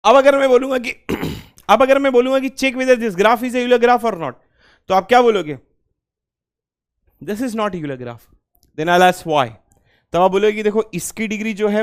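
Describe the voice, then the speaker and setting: In a classroom lecture, a man with a high, expressive voice speaks at a measured pace in a smooth tone. He poses questions to his students and answers them himself, mixes in English phrases, and repeats key points.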